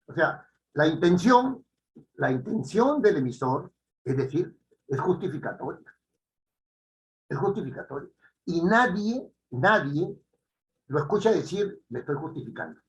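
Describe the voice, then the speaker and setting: A man giving a classroom lecture, repeating key phrases and checking in with the students with quick tag questions. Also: a little high, big pitch swings, rough recording. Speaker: teacher.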